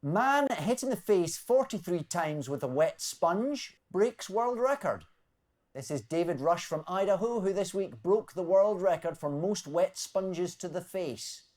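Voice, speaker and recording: A man hosting a comedy news quiz, reading scripted jokes with wry, deadpan timing. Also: high-pitched, a little slow. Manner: wry, deadpan delivery of punchlines. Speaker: quiz show host.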